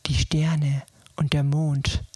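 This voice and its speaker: A woman voicing a kind, loving Moon in a bedtime story, speaking slowly and tenderly in a soft half-whisper. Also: low voice, flat delivery, husky, no room sound, full character voice. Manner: tender, slow, warm-hearted. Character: kind, loving old Moon with a friendly face.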